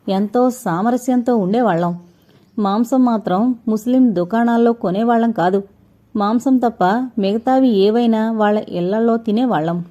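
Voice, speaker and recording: A man in deep hypnotic trance, as a woman narrator puts him on, answering in slow, hollow, sorrowful words about a past life in an audio novel. The voice is mellow and dark, and the recording is slightly dull. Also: lightly acted.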